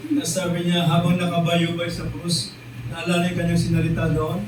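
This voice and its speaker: A man's voice: a little high, completely flat delivery, background noise. Filipino man preaching in an echoey hall. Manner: mixes English scripture with Tagalog, keeps calling the congregation "mga kapatid"; drawn-out, emphatic quoting of lines. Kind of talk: sermon. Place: church hall. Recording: echoey church hall recorded from a distance.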